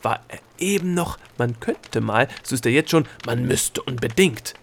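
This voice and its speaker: A man voicing an excitable bald male gnome guide in a storybook reading, calling out eagerly in a raised voice. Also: mid-range voice, moderate pace, a little hiss or hum. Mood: excited. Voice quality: hoarse laugh.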